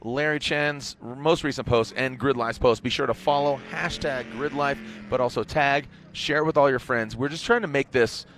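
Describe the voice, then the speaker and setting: A man's voice: mid-range voice, moderate pace, few pauses, fairly bright tone, a little hiss or hum. A man co-hosting a live motorsport stream, hyped and playful, teasing his partner. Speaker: stream co-host.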